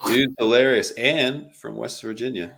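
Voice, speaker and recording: A man as a podcast guest in casual chat, relaxed and swearing casually. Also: mid-range voice, measured pace, creaky, slight background noise.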